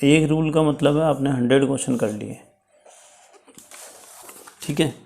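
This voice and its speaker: A man's voice: medium pitch, creaky, darkish tone. A man teaching chemistry in a step-by-step lecture, checking in often with his students. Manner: explains slowly, checks with "ठीक है".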